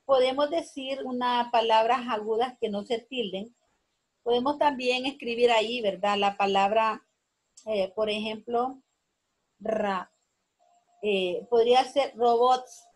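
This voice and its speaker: A woman teacher walks pupils through a spelling exercise at an unhurried, careful pace, drawing out each word. Her voice sits a little high and has a husky edge. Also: low-quality recording. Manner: slow, patient, repeating words syllable by syllable. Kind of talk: classroom lesson on accents.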